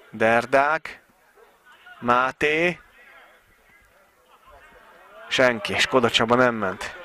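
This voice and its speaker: A man giving excited, partisan live football commentary for a local match, cheering on the home side. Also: mid-range voice.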